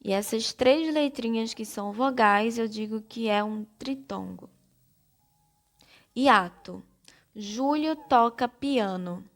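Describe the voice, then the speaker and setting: A woman teacher with a Brazilian Portuguese accent, giving a slow, careful primary-school lesson and spelling out syllables one by one. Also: fairly high pitch. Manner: spells out syllables slowly and deliberately.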